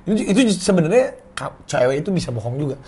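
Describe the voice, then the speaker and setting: A man's voice: on the high side, big pitch swings, fast, a little mellow, breathy edge. Playful man in casual chat. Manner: playful, laughing, explains with hypothetical examples. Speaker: co-host.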